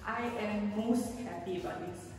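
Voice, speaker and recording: Filmed on a handheld camera a few feet off, this Malaysian renovation vlogger tours a house casually, explaining as she goes with frequent "um"s and gestures. Her mid-range voice moves at normal speed, sounding distant and a bit off-mic, ringing with a long echo around the empty rooms.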